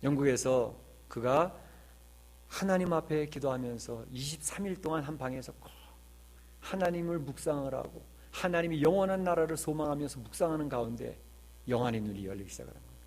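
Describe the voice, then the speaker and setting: Earnest, slightly high-voiced male pastor. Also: fairly quick, a little mellow. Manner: earnest, with emphatic swells and rhetorical questions. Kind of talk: sermon.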